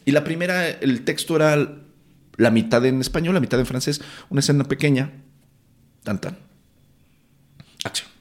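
Guest actor, male, Mexico City accent, lively anecdotal delivery with salty slang. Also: medium pitch, moderate pace, pauses often. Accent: Mexican Spanish. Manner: animated, acts out quotes, swears casually. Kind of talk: casual storytelling interview.

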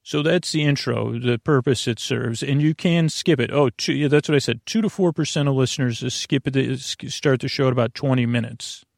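A man hosts a sleep podcast as a bedtime storyteller, mumbling through a halting, meandering, digressive monologue in a creaky voice. His pitch is medium, and the recording is dry and studio quality.

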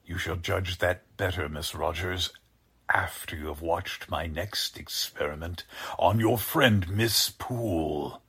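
In 1940s radio drama style, an actor plays a deranged mad scientist who is coldly polite and self-justifying. His low, husky, creaky voice has a fairly bright tone and exaggerated character, delivered in a deliberate, menacingly formal manner.

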